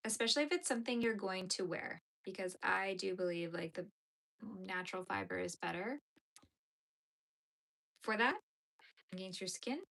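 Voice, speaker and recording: A knitting channel host in her thirties chats casually while she knits, answering viewers in a rambling way full of fillers. Her mid-range voice is gravelly and fairly bright, at a normal speed with frequent pauses, on a low-quality recording.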